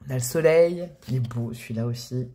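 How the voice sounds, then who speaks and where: Her voice is a deep rumble, dark in tone and fairly quick, as she does a relaxed tarot reading for viewers. The reader chats affectionately, tosses out pet names, and gushes eagerly over each card.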